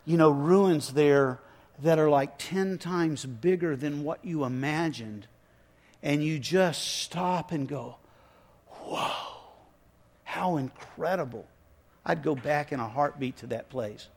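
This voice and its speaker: A man preaching a sermon in a slow, emphatic way, dropping his voice low for effect, with chatty asides and restarts. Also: darkish tone. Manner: slow, emphatic delivery with dramatic drops in volume; conversational asides and repeated restarts. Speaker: pastor.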